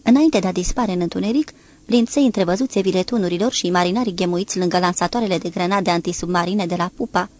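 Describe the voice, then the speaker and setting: A woman with a lowish voice narrates an audiobook in a steady, evenly paced reading style. She lifts her voice slightly when the dialogue is shouted.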